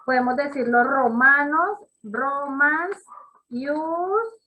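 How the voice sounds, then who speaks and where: Woman teacher, bright and slightly high voice, unhurried, encouraging. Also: low-quality recording. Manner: encouraging, praises students by name; slow and explanatory, repeats examples. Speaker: English teacher. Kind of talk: classroom teaching.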